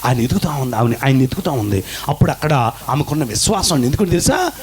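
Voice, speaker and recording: Brief: male pastor, fervent sermon, rallies the congregation, lively pitch swings. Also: quick pace. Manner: acts out the quoted words of the people in his stories.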